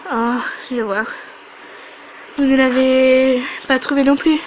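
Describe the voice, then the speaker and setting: A woman voicing a calm male guide who explains things patiently, a bit lower than her own voice. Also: slow pace, a little hiss or hum, low-quality recording.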